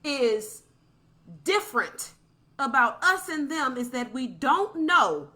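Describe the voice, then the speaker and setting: A woman's voice: high voice, sing-song, slow, pushed and bright. A woman delivering a passionate, preachy podcast monologue, repeating points for emphasis.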